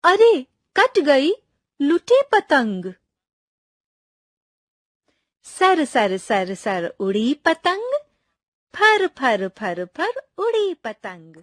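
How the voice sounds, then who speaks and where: A woman reading a poem and a story aloud to children in an expressive, sing-song recitation. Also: high-pitched, drawn-out words, no echo, studio quality.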